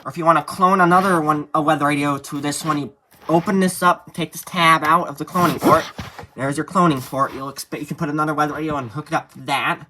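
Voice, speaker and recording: A man with a slightly high voice speaks quickly, his tone steady and sharp, as he gives an informal hands-on tutorial in a folksy, rambling manner. The footage comes from a handheld camera, and background noise and handling clicks are clearly audible.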